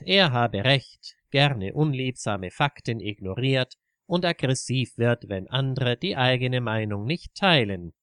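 A man narrating a scripted story in an even, steady reading voice. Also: medium pitch, smooth, dry recording, studio quality.

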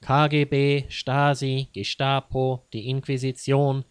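Male reader doing a paranoid, conspiratorial woman, slow and insistent. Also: mid-range voice, monotone, clean tone, dry recording, close to an everyday voice. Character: paranoid secretive woman distrusting spy agencies.

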